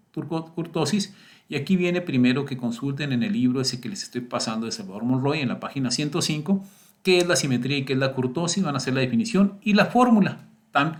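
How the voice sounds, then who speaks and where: A middle-aged man, teaching a recorded screen-share statistics lesson. He explains patiently step by step and keeps checking in with his students. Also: medium pitch.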